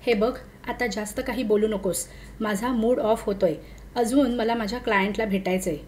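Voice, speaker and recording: A woman reading the lines of a bold young woman who speaks calmly and with easy command. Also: fairly high pitch, moderate pace, slight background noise, natural voice. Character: bold, self-assured young city woman.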